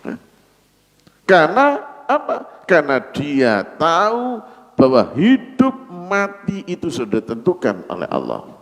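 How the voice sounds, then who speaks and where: A man's voice: a little high, wildly swooping pitch, a little slow. A male preacher giving a mosque sermon, asking the congregation rhetorical questions. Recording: echoey hall.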